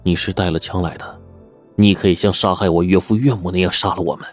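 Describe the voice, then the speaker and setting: A man voicing an earnest, simple-hearted young husband in a told story, speaking plainly in a low, husky voice. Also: steady tone, quick pace, faint music behind. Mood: grim.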